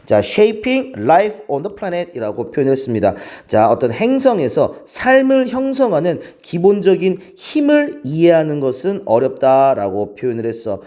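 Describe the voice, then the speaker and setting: A man's voice: a little high, warm tone. A man teaching English grammar in a lecture, keeps checking in with the class through rhetorical questions.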